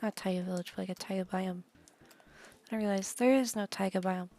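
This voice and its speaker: A woman gives casual gameplay commentary on her stream, chatty and meandering, occasionally swearing and drifting into half-whispered asides. She has a medium-pitched, dark-toned voice, fairly quick with fairly even intonation.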